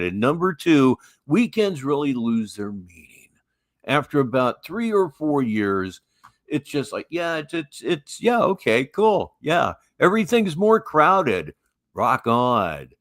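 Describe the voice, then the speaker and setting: Older Midwestern man with swooping, lively pitch. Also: no room sound. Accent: Midwestern American. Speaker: livestream host. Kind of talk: casual reaction commentary.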